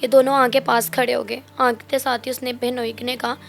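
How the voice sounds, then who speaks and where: Young woman, gravelly flat eyewitness. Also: fairly high pitch, brisk, soft background music. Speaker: sister of the victim, eyewitness. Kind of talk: eyewitness account.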